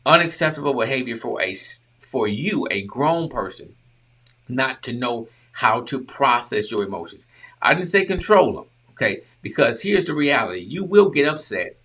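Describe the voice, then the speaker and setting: A man gives a relationship coaching talk in a bright, forceful voice. He leans hard on his points and keeps repeating rhetorical questions. His pitch sits in the middle of a man's range. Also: very animated, normal speed, breathy edge. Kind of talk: direct-to-camera talk.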